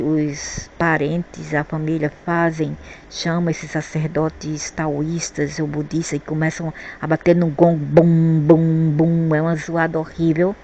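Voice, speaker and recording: A woman's voice: sits low, warm tone, a little hiss or hum. A woman from Brazil telling a rambling personal story about spirits and the afterlife, often repeating words while she searches for them. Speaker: spiritual vlogger.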